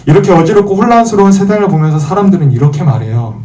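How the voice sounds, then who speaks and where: A man's voice: high-pitched, rapid-fire. A young man preaching a Sunday sermon as pastor, putting questions to the congregation and acting out what doubters and mockers say. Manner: animated, acts out quoted voices of churchgoers and mockers; asks the congregation questions and answers them himself. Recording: echoey room, voice from far off the mic.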